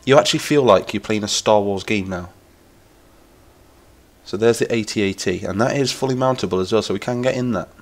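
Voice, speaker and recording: Speaking briskly in a lowish voice, a Lincolnshire man with an English accent chats away on a gaming live stream. He's nasal from a cold, enthusiastic and rambling, and he keeps reading viewer comments aloud.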